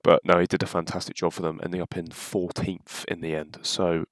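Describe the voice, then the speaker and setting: A low-pitched man talks through his own old predictions in a loose, chatty way. He fills his speech with ums and restarts. His voice is nasal and stuffy from a cold, and the recording is close and dry with no room sound. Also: level tone, brisk, dry recording. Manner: chatty and loose, with many ums and self-corrections. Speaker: YouTuber reacting to his own old video. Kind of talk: casual reaction commentary.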